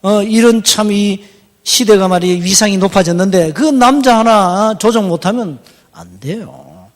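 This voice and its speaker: Middle-aged man, high voice, folksy teasing preacher, reverberant hall. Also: normal speed. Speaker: pastor. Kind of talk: sermon. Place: church hall.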